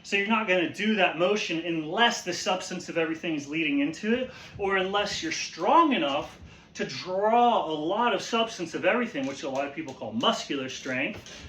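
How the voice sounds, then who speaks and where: A man giving an informal instructional explanation as a martial arts teacher, halting and repeating his phrases as he goes, often checking in with a questioning tag. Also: high voice, animated, sharp tone, a little hiss or hum. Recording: roomy, echoey sound.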